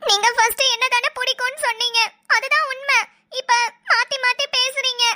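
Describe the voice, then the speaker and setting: A woman's voice: very high-pitched, fairly even intonation, a little fast, bright, forceful tone, dry recording, studio quality, full character voice. A woman voicing a sulky, tearful young cartoon woman complaining to her would-be groom. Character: sulky lovesick girl cousin Angavai. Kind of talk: cartoon voice acting.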